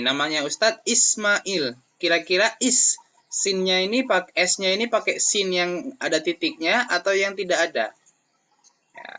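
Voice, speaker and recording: A man's voice: high-pitched, pushed and bright. A male Arabic teacher with an Indonesian accent, giving a lesson for young pupils and stretching out words in pronunciation drills. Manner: drawn-out, emphatic pronunciation drills. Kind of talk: classroom lesson video. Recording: dull lo-fi sound.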